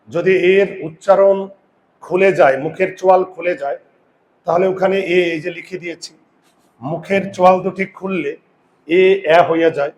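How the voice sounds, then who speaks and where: A man teaching a grammar lesson who sounds out vowels slowly, repeats words and asks his students questions. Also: sits high, a little mellow. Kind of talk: classroom lesson.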